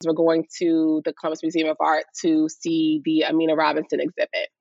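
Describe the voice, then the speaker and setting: A woman's voice: low voice, completely flat delivery, a little fast, gravelly, darkish tone, no echo, highs cut off. A woman teacher, giving thoughtful, earnest and passionate interview answers. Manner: earnest, passionate about students. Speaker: high school or college teacher.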